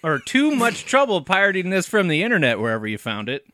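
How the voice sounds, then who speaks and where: A man's voice: sits high, wildly swooping pitch, fairly quick, sharp tone, slight background noise. A man chatting casually and wryly over a film as a co-host, joking and swearing. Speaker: co-host of a film riffing commentary.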